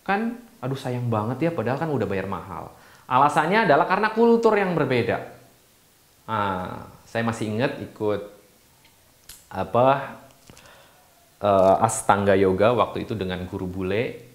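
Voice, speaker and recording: A man's voice: on the low side, sing-song, normal speed, long pauses. A man who is a yoga teacher, explaining a teacher training course in a chatty, casual way with many fillers and restarts. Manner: chatty, frequent fillers and restarts, self-deprecating asides. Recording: echoey room.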